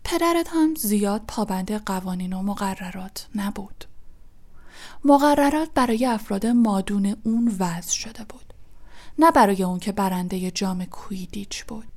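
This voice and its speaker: A spiteful, thin male schoolmaster played by a woman reader hisses his taunts in a low, unvoiced whisper. The menace is kept soft and close, never raised, in a storybook audiobook reading. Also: lightly acted. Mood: taunting.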